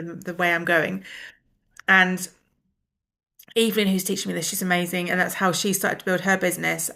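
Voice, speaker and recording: A middle-aged woman with a blocked, nasal voice, sounding unwell and tired as she talks casually and reflectively to viewers with soft, low energy. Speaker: personal development coach and video host.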